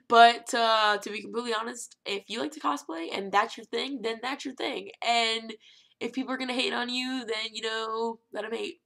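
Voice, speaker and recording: Animated young woman vlogger, rambling. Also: a little high, moderate pace, gravelly. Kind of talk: casual vlog rant.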